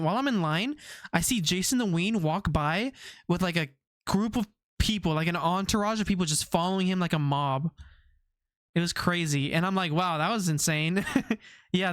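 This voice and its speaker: A man's voice: sits high, no room sound, clean studio sound. A young man streaming, chatting casually with his viewers, rambling off on tangents and laughing often.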